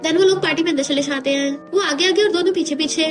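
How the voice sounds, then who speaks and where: A woman tells a drama's story in a quick, chatty recap. Her voice sits very high and she races through the scenes. Faint music plays behind her. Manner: brisk, chatty retelling that switches between scenes.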